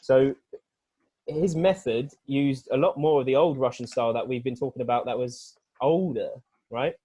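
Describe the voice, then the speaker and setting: A British weightlifting coach talking through training ideas on a group video call, earnest and rambling, with many restarts. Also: male voice, mid-range voice, normal speed, mellow, husky, no room sound. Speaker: weightlifting coach, guest speaker.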